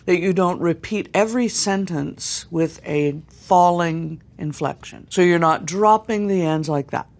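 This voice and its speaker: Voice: mid-range voice, a little slow, vocal fry, few pauses. A dialect coach giving articulate instruction, stretching out sounds to demonstrate them.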